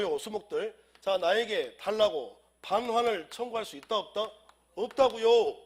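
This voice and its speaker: This man's voice sits high and has a breathy edge. He has a cold and is teaching civil law to an exam class, running call-and-response drills and throwing out rhetorical questions.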